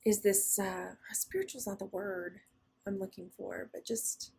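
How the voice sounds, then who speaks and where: A woman co-hosting a casual spiritual podcast, telling stories animatedly and often pausing to search for words. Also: mid-range voice, steady tone, creaky, dark tone, husky. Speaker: podcast co-host.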